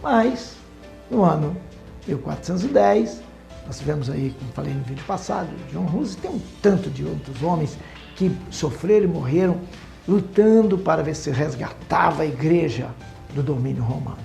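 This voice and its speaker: A man with a Brazilian Portuguese accent giving a Bible study lesson, talking in an unhurried, hesitant way with fillers and restarts. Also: on the high side, lively intonation, vocal fry, warm tone, faint music behind. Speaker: Bible teacher.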